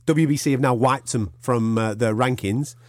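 A man's voice: mid-range voice, moderate pace, no echo. An English man hosting a boxing podcast, chatting casually in a blokey, slangy way with plenty of swearing. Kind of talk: casual sports chat.

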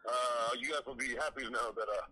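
A man calling in on speakerphone as a co-host, talking in a dry, low-key, deadpan way. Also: quick pace, a little hiss or hum, poor audio. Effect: heard over a phone on speakerphone. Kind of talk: casual banter.

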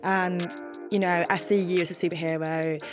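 A woman's voice: fairly low pitch, level tone, moderate pace, music in the background. A woman in her twenties hosting a podcast, gushing and encouraging as she chats with her guest. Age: 20s. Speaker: podcast host. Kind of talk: casual interview chat.

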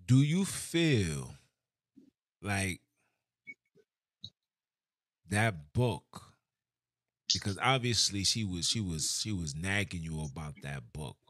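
Male host, very deep voice, dry close sound, probing and repetitive questions. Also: animated, slow, long pauses, a bit bright, no echo. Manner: probing questions, repeats his words. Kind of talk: casual interview talk.

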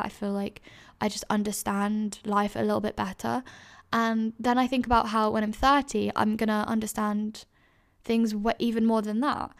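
Chatty young woman with a creaky voice. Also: medium pitch. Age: 20s. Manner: chatty, many fillers and self-corrections. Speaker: podcast host. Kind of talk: casual advice chat.

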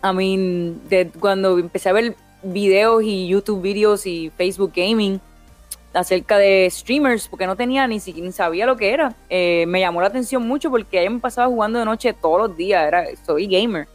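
A woman's voice: mid-range voice, normal speed, faint music behind. A young woman from Puerto Rico with a Puerto Rican accent, a streamer chatting casually as an interview guest, laughing often and mixing in English words. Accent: Puerto Rican Spanish.

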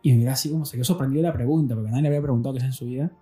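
Fast-talking Peruvian man, mellow voice. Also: mid-range voice, faint music behind. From Peru. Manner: animated storyteller, acts out quoted voices. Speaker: podcast host. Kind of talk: casual podcast conversation.

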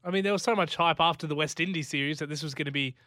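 A man's voice: a little high, racing, pushed and bright, dry recording, studio quality. A man chatting casually as a radio producer and sidekick. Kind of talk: casual studio chat. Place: dry radio studio.

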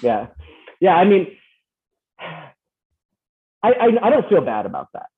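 A man who grew up in both the Philippines and the United States, founder of a fan club, guests on a podcast, rambling and often ending with "right?". His fairly high voice is very animated but a little slow, coming through a tinny remote line like a phone.

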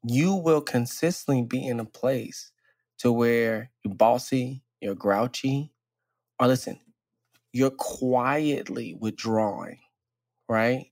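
Gravelly man ranting emphatically. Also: medium pitch, slow pace, darkish tone, no echo, clean studio sound. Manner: preachy, emphatic, keeps asking "right?". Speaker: podcast co-host. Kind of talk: casual chat.

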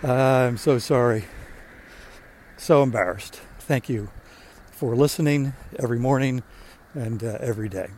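Older man, mid-pitched, relaxed and rambling, hosting a podcast on a walk. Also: unhurried, long pauses, a little hiss or hum. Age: 60s. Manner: chatty, rambling storyteller. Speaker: podcast host. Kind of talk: casual talk while walking. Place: outdoors on a walk.

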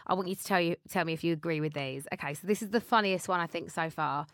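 A woman's voice: on the low side, fast talker, a bit bright, no echo, studio quality. A woman, co-hosting a casual chat, cutting in and reading list items aloud.

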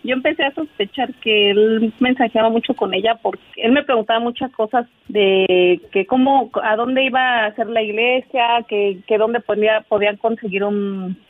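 A woman's voice: on the high side, normal speed, hardly any pauses, no echo, phone-quality sound. A middle-aged woman from Mexico City with a Mexican accent, calling in to a radio show and giggling shyly. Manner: giggly and shy, open about her own story. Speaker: caller. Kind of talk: phone call-in chat.

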